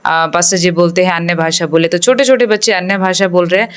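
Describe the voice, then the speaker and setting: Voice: medium pitch, quick pace, a bit bright, smooth. A podcast co-host agreeing respectfully with the pastor and sharing an experience in a conversational way.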